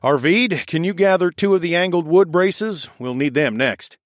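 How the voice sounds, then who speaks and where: Bowden: a man doing a high, brisk raccoon architect. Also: dry recording, clean studio sound, close to an everyday voice. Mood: eager. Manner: brisk instructions, encouraging. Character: eager male raccoon architect, brisk and bossy.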